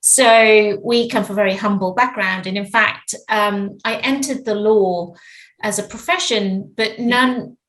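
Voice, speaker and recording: A middle-aged woman from Zimbabwe, a lawyer giving thoughtful, measured answers as a podcast guest, often restarting her phrases. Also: mid-range voice, steady tone, fairly bright tone, poor audio. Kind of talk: reflective interview answers.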